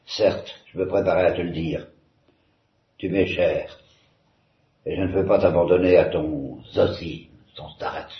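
A man's voice: deep voice, steady tone, measured pace, pauses often. A man reading a novel aloud, voicing a bitter, tormented young man who swings from wry irony to anguished outbursts. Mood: anguished, ironic. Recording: roomy, slightly dull.

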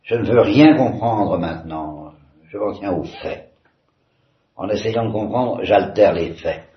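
A man's voice: low-pitched, a little slow. A man reading a novel aloud, voicing a bitter, tormented young man who swings from wry irony to anguished outbursts. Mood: anguished, ironic. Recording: roomy, slightly dull.

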